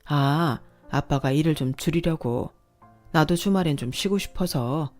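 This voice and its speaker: A woman voicing a worn-out older working father who speaks softly and hesitantly in a read-aloud story. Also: low voice, unhurried, faint music behind. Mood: gentle. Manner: soft, hesitant, apologetic. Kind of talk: scripted story reading.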